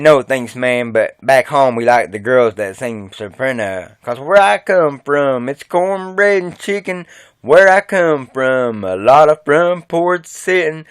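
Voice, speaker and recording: A man's voice: a little high, clean tone, no room sound. A man from West Virginia with an Appalachian accent, singing a country song cover at home and chatting folksily between verses. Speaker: amateur singer.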